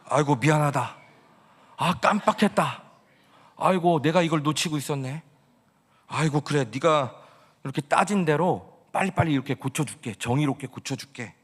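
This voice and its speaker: A man voicing God as a male figure speaking to a prophet, sometimes fussy and apologetic, sometimes low and stern, in a reverberant hall. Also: normal speed, slightly rough. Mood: sheepish. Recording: long church-hall reverb.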